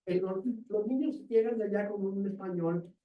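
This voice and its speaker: A man with a Mexican accent giving an academic conference talk, wry and lively, full of rhetorical questions. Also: high voice, lo-fi sound. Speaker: guest lecturer. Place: lecture room. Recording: roomy, distant mic in a hall.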